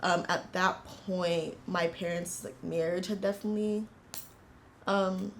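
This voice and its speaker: A young American woman in her 20s, a university student being interviewed, tells a casual personal story in a low, gravelly voice with fairly even intonation. She sounds earnest and reflective, halting often and leaning on fillers.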